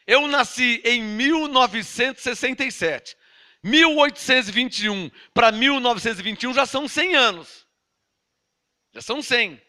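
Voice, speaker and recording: A man's voice: very high voice, moderate pace, sharp tone. A Brazilian man in his fifties, a pastor teaching a sermon from the Bible with emphatic repetition and questions to his listeners. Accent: Brazilian Portuguese. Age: 50s.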